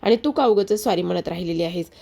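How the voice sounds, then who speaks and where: A woman's voice: lowish voice, animated, quick pace, creaky, mellow. A woman voicing a protective young husband who asks earnest, pleading questions. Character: young husband defending his wife, protective.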